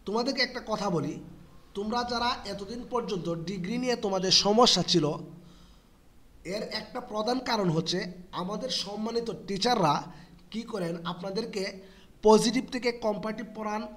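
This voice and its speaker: A man's voice: sits high, moderate pace, fairly bright tone. A man teaching English grammar to students. He keeps asking rhetorical questions, answers them himself and spells words out letter by letter. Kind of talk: explanatory lesson for students.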